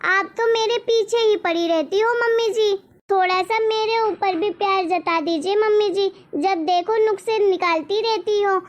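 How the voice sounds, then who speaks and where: A woman's voice: extremely high pitch, moderate pace, muffled recording. A woman voicing a quarrelsome, hot-tempered eldest daughter-in-law in a cartoon story. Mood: angry. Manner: angry, threatening, self-pitying.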